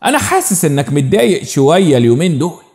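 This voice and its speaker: A jovial, fatherly middle-aged Egyptian doctor, voiced by a man narrator. His voice is high and animated, with a long reverb behind it in this spoken story. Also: rapid-fire. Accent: Egyptian Arabic. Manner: warm, fatherly.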